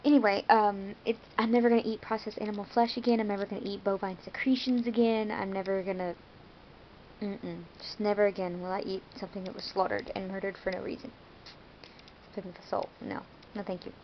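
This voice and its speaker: A woman's voice: mid-range voice, fairly even intonation, brisk, lo-fi sound, a little hiss or hum. An American woman talking to her viewers in a casual vlog, rambling a little with fillers and self-corrections. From United States. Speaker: vlogger.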